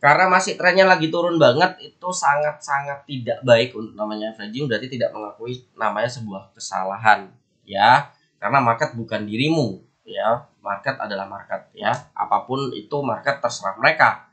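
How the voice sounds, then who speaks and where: Talking casually to camera about the forex markets, a man with a cold-stuffed, nasal voice keeps up a chatty patter, repeating words and addressing viewers with friendly asides. His pitch is medium and his tone fairly bright.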